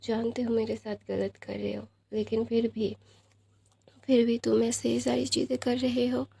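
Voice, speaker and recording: A woman's voice: fairly high pitch, flat delivery, a little slow, gravelly, dark tone, breathy edge, dry recording, full character voice. A woman voicing a heartbroken young man who pleads and protests.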